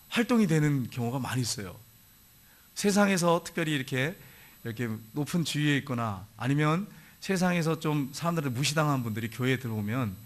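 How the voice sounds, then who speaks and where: Korean pastor guy preaching in church, fairly high voice, asks the congregation stuff. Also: a bit bright. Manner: asks the congregation questions directly; reads scripture slowly. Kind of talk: sermon. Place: church sanctuary.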